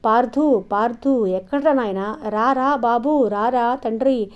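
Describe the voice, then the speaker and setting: A woman's voice: on the high side, moderate pace, mellow, highs cut off, natural voice. A woman storyteller voicing a frail, ailing old village schoolmaster who pleads breathlessly and tearfully for his son, in an audiobook reading. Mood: weeping.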